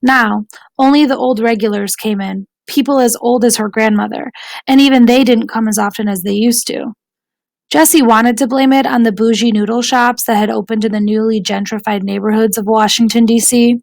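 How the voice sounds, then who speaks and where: A woman narrating an audiobook in a measured, even storytelling manner. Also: fairly high pitch, creaky, no echo, poor audio.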